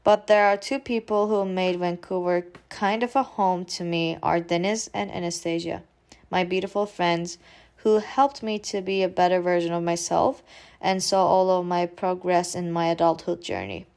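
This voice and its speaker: This student vlogger from Turkey, in her twenties, speaks with a Turkish accent as she earnestly and carefully narrates her own vlog, dropping in some hesitant fillers. Her lowish voice is clean, slightly mellow and moderately paced.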